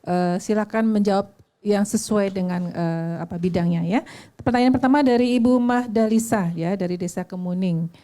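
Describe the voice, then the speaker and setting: A woman moderating a discussion who reads out audience questions and hands them on, with many pauses and fillers. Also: medium pitch, warm tone.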